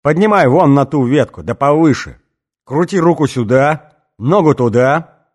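A man voicing a brutal, drunken male gang boss in an audiobook, shouting and snarling threats. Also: fairly high pitch, expressive, a little slow, voice pushed up. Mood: gloating, commanding. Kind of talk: audiobook character voice.

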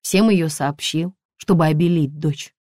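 Brief: female audiobook narrator, measured first-person reading, dead-dry studio. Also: deep voice, dark tone, no room sound.

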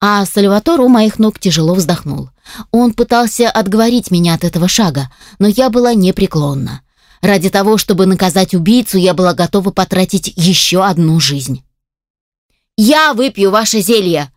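A woman reading a first-person fantasy audiobook aloud in a firm, steady storytelling voice, recorded on a close studio mic. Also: mid-range voice, a little fast, dry recording. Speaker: audiobook reader.

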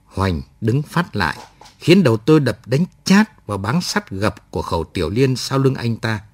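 A man reading a first-person war story aloud as an audiobook narrator, in a calm, reflective way, in a dry, close recording. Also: mid-range voice, moderate pace, no room sound.

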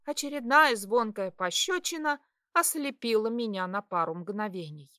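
A woman narrating a first-person audiobook in a steady, expressive storytelling voice. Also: medium pitch, normal speed, no echo, studio quality.

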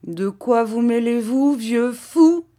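A woman reading an audiobook who voices a cruel man who beats children, speaking in a soft, mocking, menacing tone. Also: fairly low pitch, very animated, takes it slowly. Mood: indignant.

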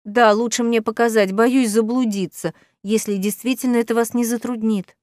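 Brief: confident, upbeat heroine, read by a woman, higher voice, dry close sound. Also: steady tone, normal speed, a little mellow, dry recording, natural voice. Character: cheerful, self-assured young woman helper. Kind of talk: audiobook character reading.

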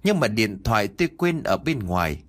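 A man narrating a first-person ghost story in an animated, dramatic way. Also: fairly low pitch, normal speed.

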